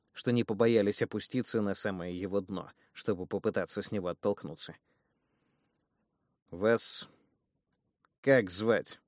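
A man narrates a first-person fantasy audiobook. He reads in a measured, even storytelling manner, with a somewhat low voice. The recording is dry and close, with no room sound. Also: no room sound.

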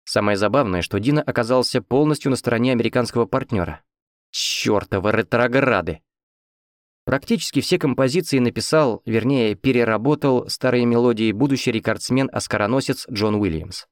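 A man's voice: medium pitch, brisk, few pauses, no room sound, studio quality. A man narrating a first-person audiobook in a wry, ironic manner.

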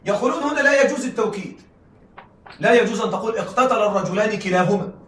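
Male lecturer, rapid and high-voiced, keeps asking the class if they follow; roomy sound from a mic set back. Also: a little hiss or hum. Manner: checks in with the class, frequent laughing asides. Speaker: teacher. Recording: echoey room, mic at a distance.

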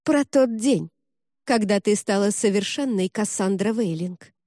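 A woman reading an audiobook, voicing a bitter, vengeful young woman who shouts her accusations in rage. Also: medium pitch, measured pace, no room sound, studio quality, close to an everyday voice.

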